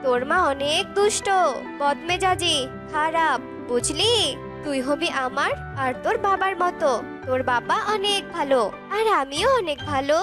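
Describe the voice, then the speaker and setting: A sharp-tongued old mother-in-law from a village cartoon, played by a woman. She nags, shouts and sneers in a very high, piercing voice. Cartoon music runs under her. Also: lively intonation, a little slow. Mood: coaxing. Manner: scolding, shrill, shouting. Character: nagging older village mother-in-law, grandmother. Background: background music.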